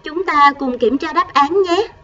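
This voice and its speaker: High-voiced woman teaching children to count. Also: far from the mic, lo-fi sound. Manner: patient, slow counting, coaxing children with gentle prompts. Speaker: primary school math teacher. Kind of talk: recorded math lesson for first graders.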